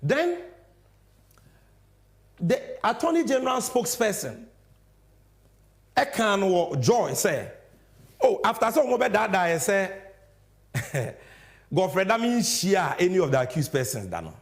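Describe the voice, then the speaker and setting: A man with a Ghanaian accent giving impassioned political commentary, emphatic, swinging between loud and hushed. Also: high voice, wildly swooping pitch, slow, pauses often. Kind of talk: impassioned political commentary mixing English and Twi.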